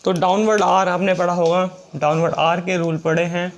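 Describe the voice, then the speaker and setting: A man gives a classroom lesson, stepping slowly through each rule. His voice sits high for a man, and he repeats every example word patiently. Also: flat delivery. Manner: slow, repetitive explaining, reads rules aloud. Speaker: shorthand teacher.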